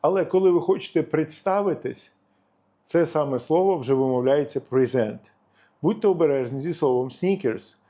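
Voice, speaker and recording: Dark-toned man teaching English. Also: a little high. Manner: explains slowly, demonstrates words with stress. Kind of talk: short video lesson.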